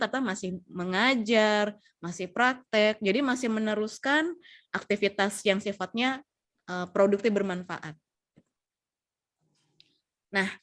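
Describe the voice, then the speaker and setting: A young adult woman giving an explanatory health talk on caring for older people, with frequent fillers and restarts. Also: medium pitch. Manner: explanatory, many fillers and restarts, acts out quoted lines. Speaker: health educator.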